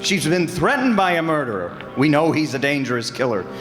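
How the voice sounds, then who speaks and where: A man with a slightly high voice and big pitch swings speaks briskly and insistently as a persistent, earnest, plain-spoken detective in an old-time radio drama. The sound is an echoey hall with faint music behind him.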